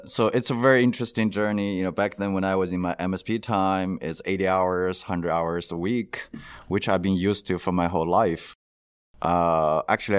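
A man's voice: low voice, clear, resonant tone, no echo, studio quality. A man, chatting loosely as an interview guest with lots of fillers. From China. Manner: loose, chatty, many fillers and laughs, non-native grammar. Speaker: guest, company founder. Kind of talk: casual interview chat.

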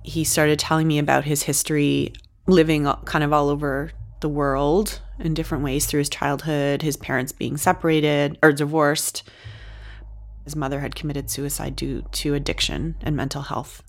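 Low-voiced woman telling her story. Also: little pitch movement, moderate pace. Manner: conversational, frequent "like" fillers. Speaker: interviewee. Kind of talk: candid personal interview.

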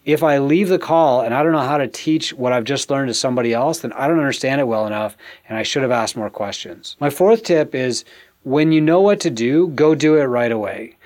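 A man's voice: medium pitch, a little fast, a little mellow. Middle-aged man giving tidy, structured business advice. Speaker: host of a business advice show, entrepreneur. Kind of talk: scripted advice monologue to viewers.

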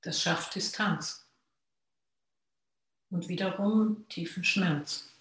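A Zen practitioner gives a reflective dharma talk to a sangha, speaking in measured phrases with long pauses. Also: mid-range voice, a bit bright. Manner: slow, measured, pausing between phrases. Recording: very echoey room.

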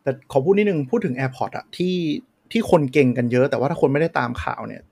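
A man's voice: medium pitch, animated, quick pace, gravelly, a little mellow. A man co-hosting a casual tech podcast, explaining at length with many fillers. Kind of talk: casual chat.

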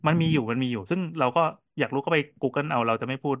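A man co-hosting a casual podcast, telling cafe stories in a quick, animated way with lots of fillers. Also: mid-range voice, dry recording. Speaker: podcast co-host and cafe owner.

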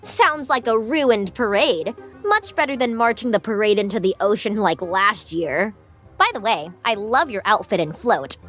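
A woman's voice: medium pitch, lively intonation, moderate pace, a bit bright, faint music behind. A woman playing a smug, mock-innocent female villain who loves chaos, in a children's audio story. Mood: gloating, gleeful. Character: gleeful, smug female mischief-making villain.

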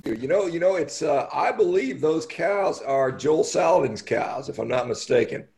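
Mellow, gravelly American man hosting a podcast. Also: a little high, animated. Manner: halting, rambling, repeats himself. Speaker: podcast host, interviewer. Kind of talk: casual interview chat.

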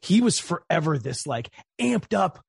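Husky-voiced casual male interviewer. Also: fairly high pitch, a little slow, dry recording, studio quality. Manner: casual, animated storyteller, acts out quotes. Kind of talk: conversational interview.

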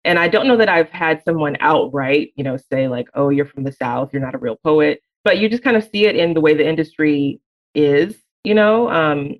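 Over narrow, tinny audio, a low-voiced woman poet from Birmingham, Alabama, lacking any Southern accent, delivers her poem in slow, deliberate phrasing. Afterward, as a guest, she responds to questions openly and reflectively, laughing lightly, her intonation lively throughout.

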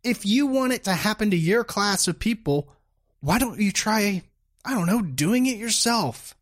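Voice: medium pitch, lively intonation, unhurried. A commentator reacting to a video clip in a sarcastic, mocking way. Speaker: political commentator.

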